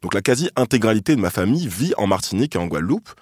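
A low-voiced man from France hosts a podcast, telling a personal story in a calm, reflective way. He pauses on small hesitations as he thinks. The sound is dry and close to the mic. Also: slightly rough, no room sound. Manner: reflective, thoughtful, with soft hesitations. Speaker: podcast host.

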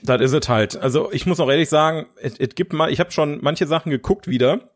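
A young man with a German accent hosts a podcast, chatting casually and enthusiastically about films and series. His voice is fairly high and a little fast, and his speech is colloquial and full of swearing.

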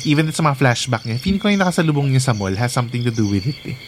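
A man's voice: medium pitch, fast talker, noisy background. A man with a Filipino accent co-hosting a podcast, chatting casually and mixing Tagalog with English. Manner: animated, mixes Tagalog and English. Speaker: podcast co-host. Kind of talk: casual chat about a TV series.

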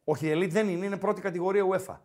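A man with a Greek accent hosting a casual sports talk podcast, who teases his co-host and keeps repeating his name. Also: high voice. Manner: teasing, animated, repeats the co-host's name.

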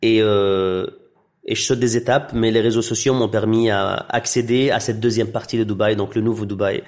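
An actor and director in his thirties, of Iraqi heritage and raised in Tunisia and Belgium, speaks as an interview guest with Arabic as his first language. His voice sits on the low side, steady in tone and moderate in pace, and his casual talk is full of fillers and restarts.

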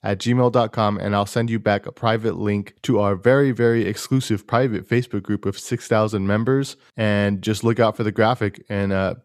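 A young man hosts a casual podcast in a low, fairly monotone voice. He rambles along in a laid-back way and leans on plenty of fillers. The recording is dry and close. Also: normal speed, few pauses, no echo. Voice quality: self-described monotone voice. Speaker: podcast host.

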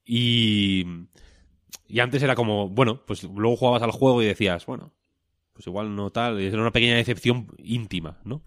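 Low-voiced rambling man. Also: fairly quick, a bit bright, no echo, clean studio sound. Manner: rambling, self-mocking, swears freely. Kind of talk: casual chat.

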